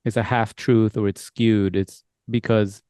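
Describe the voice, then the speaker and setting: Male podcast host, smooth voice, dry close sound, rambling friendly questions. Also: on the low side, level tone, a little slow, a little mellow, no room sound. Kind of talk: casual interview hosting.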